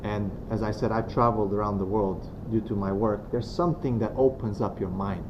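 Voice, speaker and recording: Students listen as a guest speaker from Romania discusses faith in a soft, fairly low, unhurried voice with frequent pauses and fillers. Picked up by the venue's microphone, the audio is muffled and lo-fi, with steady noise clearly audible behind him.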